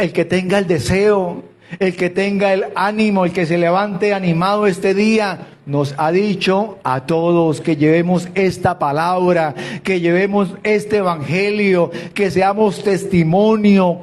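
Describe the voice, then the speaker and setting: A man's voice: high-pitched, a little mellow. A man preaching a sermon, telling a story with earnest repetition and fervent quoted prayers. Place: church sanctuary.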